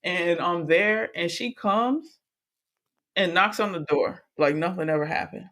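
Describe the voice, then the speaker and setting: A man's voice: high voice, measured pace. A man co-hosting a podcast, telling a story in casual chat with lots of swearing and laughter. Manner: animated, profane, laughs through his stories. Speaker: podcast co-host.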